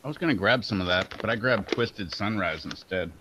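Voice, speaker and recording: A man's voice: on the low side, fairly quick, bright, forceful tone, a little hiss or hum. A laid-back man chatting casually and laughing easily with his friends. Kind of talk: casual chat.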